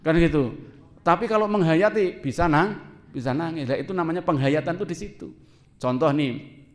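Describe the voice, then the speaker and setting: Lively higher-voiced preacher. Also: male voice, normal speed. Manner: lively, conversational, asks the audience questions and laughs. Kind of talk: sermon to a congregation.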